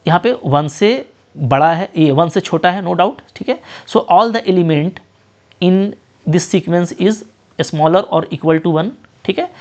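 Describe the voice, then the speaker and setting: In this lo-fi-style recording with the highs cut off, a man teaches exam-prep math in an Indian English accent, his voice high-pitched with a darkish tone. Short check phrases recur often, and he slows sharply when reading definitions aloud.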